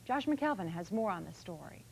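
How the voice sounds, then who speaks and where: A woman's voice: mid-range voice, expressive, normal speed, creaky, a little hiss or hum, low-quality recording. A woman anchoring a news broadcast, reading scripted stories.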